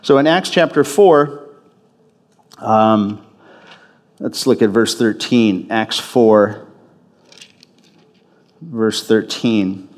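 A pastor preaches a sermon in a church, speaking conversationally and frequently restarting and repeating phrases for emphasis. His voice sits on the low side, and he talks extremely slowly with long pauses.

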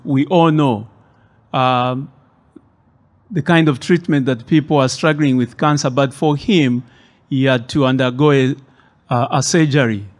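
A middle-aged man from Zambia, a guest preacher giving a sermon in a church, measured and hesitant, with many fillers. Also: mid-range voice.

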